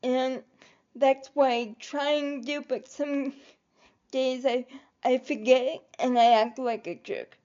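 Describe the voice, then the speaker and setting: Woman vlogger, high voice, slow and rambling, muffled lo-fi recording. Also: steady tone, dark tone. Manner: rambling, hesitant, many fillers and restarts. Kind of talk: reflective personal vlog.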